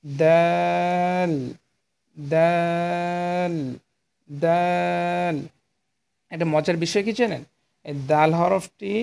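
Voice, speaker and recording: A man's voice: fairly high pitch, vocal fry, darkish tone. A man with a Bangladeshi Bengali accent teaching Quran letter pronunciation, patiently stretching out each sound and explaining where the tongue goes. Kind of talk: slow pronunciation lesson.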